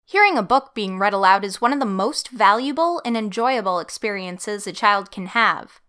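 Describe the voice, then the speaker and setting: A woman's voice: medium pitch, lively intonation, normal speed, sharp tone, smooth. A woman giving scripted instructional narration for a training video.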